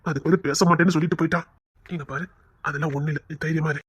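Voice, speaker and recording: Man voicing a steady loving elder brother, husky voice, dry close sound, audio drama. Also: fairly high pitch, very fast, no echo, dull audio. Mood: firm. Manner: soothing, affectionate, firm. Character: devoted elder brother and loving husband, calm and proud.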